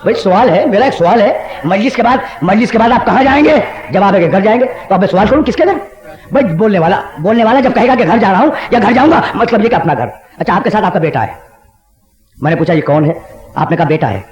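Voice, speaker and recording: A man, a religious scholar, delivering a Muharram sermon to a large outdoor gathering, asking the crowd rhetorical questions and rising to impassioned shouts. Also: sits high, lively intonation. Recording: echoey, dull lo-fi 1990s tape of loudspeakers.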